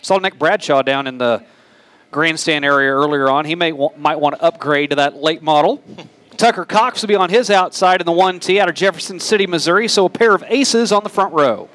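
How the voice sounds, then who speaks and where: A man's voice: on the high side, a little fast, fairly bright tone. An American man working as a motorsport commentator, calling dirt track racing in fluent announcer patter full of racing slang. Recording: noisy outdoor racetrack, engine roar behind.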